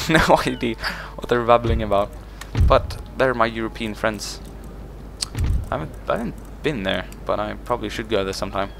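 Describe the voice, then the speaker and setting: Background noise sits under this man's fairly low, gravelly voice, which moves at a normal speed. As host of a gaming channel let's play, he thinks aloud about his moves in a strategy game.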